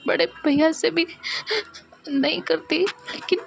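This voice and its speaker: A woman voicing a gentle young daughter who pleads through tears, her voice choked and pleading. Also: extremely high pitch, fairly even intonation, takes it slowly, creaky, slight background noise, pitched above the performer's own voice, full character voice. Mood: tearful pleading.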